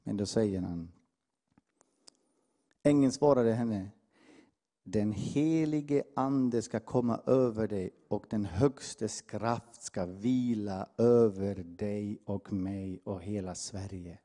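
A male preacher gives an impassioned sermon in a dark, mellow voice with a slight edge. He presses hard on his calls to the congregation, then drops low for hushed asides, swinging between loud exhortation and quiet remarks.

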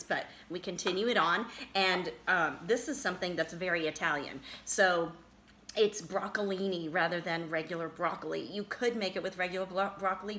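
A woman's voice: lowish voice, a bit bright, slight background noise. A middle-aged woman co-hosting a show, chatting enthusiastically over a dinner table and laughing often. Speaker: show co-host. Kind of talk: casual chat over a dinner. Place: dining table indoors.

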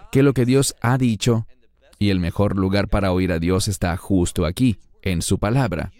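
A man teaching a Bible study lesson, explaining a passage verse by verse, slowing down on key words and putting questions to the listener. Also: fairly low pitch, darkish tone, no room sound.

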